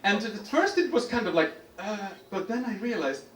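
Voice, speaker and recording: A man with an Icelandic accent, a singer-songwriter telling an animated, self-mocking story on stage at a small cafe concert. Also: high-pitched, brisk. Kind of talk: stage storytelling between songs. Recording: roomy live venue, distant mic.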